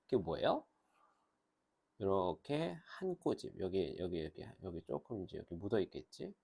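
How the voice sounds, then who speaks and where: A man teaching English grammar in a lively lecture, pausing to say English phrases slowly and clearly. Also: low voice. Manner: animated, switches between Korean and slow, drawn-out English phrases.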